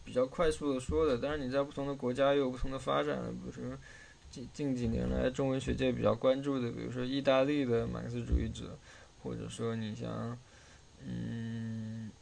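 A man leads a reading class in a casual spoken lecture, explaining in a loose, conversational way. His voice sits at a middle pitch with a gravelly fry, and his throat is sore. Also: level tone, brisk, darkish tone, slight background noise.

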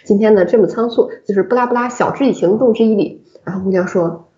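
Woman telling a hospital story, lively. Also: mid-range voice, fast talker. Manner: lively storyteller who laughs often. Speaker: obstetrician and podcast co-host. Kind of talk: casual chat, telling a work story. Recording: roomy, slightly dull recording.

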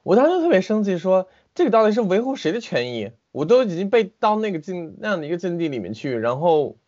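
A man's voice: high voice, fast, lo-fi sound. A man, a film director being interviewed, talking casually and animatedly over an internet call, often restarting his sentences. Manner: animated, with frequent restarts and hesitations. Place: at home in the city.

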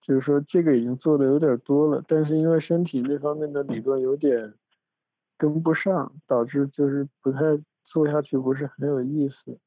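A man's voice: medium pitch, fairly even intonation, normal speed, no echo. A male podcast host in casual academic chat, rambling with restarts and asides, recorded on a phone in a room at home. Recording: tinny, dry phone recording.

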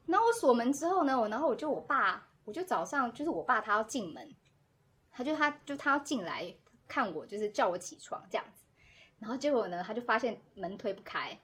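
Woman, kinda husky, high-ish voice, chatty guest acting out every line of her story. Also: a little fast. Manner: animated, acts out quoted dialogue, laughs often. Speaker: podcast guest. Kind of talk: casual storytelling chat.

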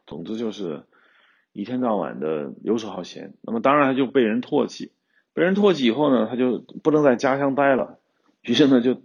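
A man tells an old tale on his podcast in a casual, rambling way, often restarting his sentences. His low, gravelly voice rises and falls a lot as he goes. The recording sounds dull and lo-fi. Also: darkish tone. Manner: retells a tale in loose spoken style with frequent restarts. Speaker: podcast host, screenwriter-director. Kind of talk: casual storytelling commentary.

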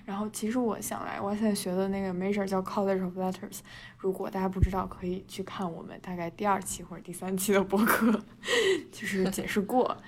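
This Chinese woman in her twenties speaks fairly quickly in a mid-range voice, with slight background noise behind her. As a podcast co-host she tells stories casually, laughing often, leaning on fillers and weaving in English.

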